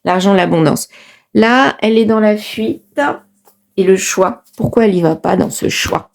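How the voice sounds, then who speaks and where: A woman's voice: mid-range voice, unhurried, creaky, darkish tone. A middle-aged woman doing a casual card reading, chatty and thinking aloud with many fillers. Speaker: tarot card reader.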